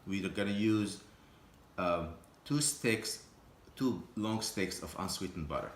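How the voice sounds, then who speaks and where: Deep-voiced man teaching home cooking. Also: heavy background noise. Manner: halting, patient step-by-step explaining with frequent restarts. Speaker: home cook. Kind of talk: cooking demonstration. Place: home kitchen. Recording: echoey kitchen room.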